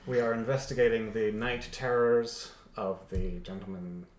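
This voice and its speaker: A woman's voice: very deep voice, moderate pace, a little mellow. A woman player talking formally and bureaucratically in character during a tabletop game. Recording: echoey room.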